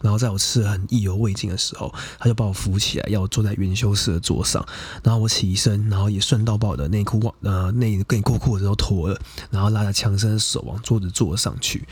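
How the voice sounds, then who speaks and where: Husky low-voiced man telling a story. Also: fairly even intonation, quick pace, a little mellow, no room sound. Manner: frank, profane, chatty with many fillers. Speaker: podcast host. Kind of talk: casual first-person storytelling.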